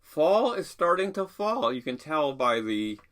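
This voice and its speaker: A man's voice: a little high, very animated, measured pace, a bit bright. A middle-aged man hosting a casual vinyl record show, talking with enthusiasm, rambling through fillers and rhetorical questions. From England. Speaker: vinyl show host and sociology professor. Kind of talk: casual music talk to camera.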